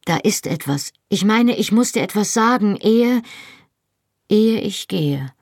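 A woman reading a grave young highlander. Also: lively intonation, slow, a little mellow, no room sound, clean studio sound. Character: young male Scottish highlander, grave and resigned.

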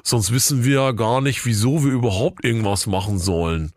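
A man's voice: medium pitch, brisk, no echo, clean studio sound, voice pushed up, close to an everyday voice. A man voicing a weak, starving male villager who speaks limply and listlessly, in a comic storybook tale. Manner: limp, listless.

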